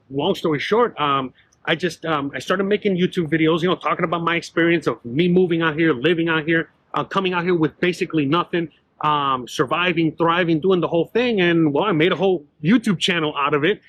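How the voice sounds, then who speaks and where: A middle-aged man from Miami, Florida, appearing as a YouTuber's guest, tells his story in a casual walk-and-talk interview filled with fillers and restarts. His voice is a little high and a bit bright, recorded outdoors on a city street.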